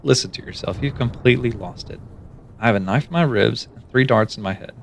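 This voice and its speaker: A man's voice: brisk, vocal fry, a little hiss or hum, natural voice. A man voicing a sardonic dead man. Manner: sardonic, mutters low. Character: gloomy dead man with a knife in his ribs.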